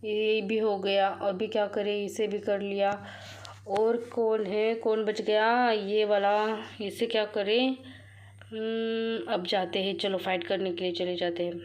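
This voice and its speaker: Taking things slowly in a mid-range voice, a gaming channel host chats through her mobile game live, treating her viewers like friends. Whenever a play goes wrong she gets excitable, crying out and saying words over and over.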